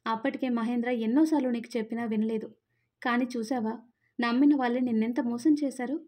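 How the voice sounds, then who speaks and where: A woman's voice: a little high, steady tone, brisk, mellow, close to an everyday voice. A woman reading as a stern old father-in-law. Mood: reproachful. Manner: scolding, emotional storytelling read. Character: stern older man, an angry father-in-law.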